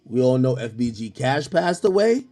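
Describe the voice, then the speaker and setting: A man's voice: medium pitch, big pitch swings, normal speed, dark tone. Man breaking things down in casual chat. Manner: explains step by step, many restarts, laughs easily. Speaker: commentator.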